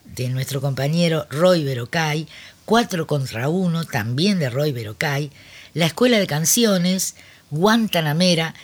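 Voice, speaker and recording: Host wrapping up a kids radio show, chatty, middle pitch. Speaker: children's radio program host. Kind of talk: casual radio wrap-up.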